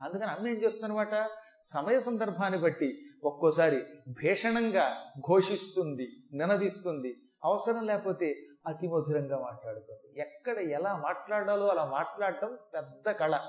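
A man with a fairly high voice delivers a devotional discourse on scripture. He tells it in an animated way, shifting his voice to dramatize the verses, and his voice carries with a roomy echo. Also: moderate pace. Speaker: Puranic discourse speaker. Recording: echoey hall recording.

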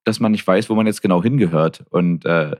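A man from Berlin with a Berlin accent, talking in a reflective, halting way with many restarts in a casual conversation. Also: low-pitched. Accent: Berlin German. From Berlin, Germany.

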